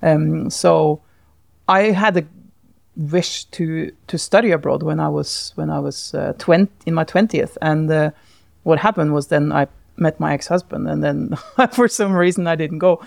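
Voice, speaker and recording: A woman's voice: sits low, unhurried, gravelly, a little mellow, dry recording, studio quality. A Norwegian woman co-hosting a podcast, talking thoughtfully in casual chat and laughing often. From Norway. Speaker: podcast co-host.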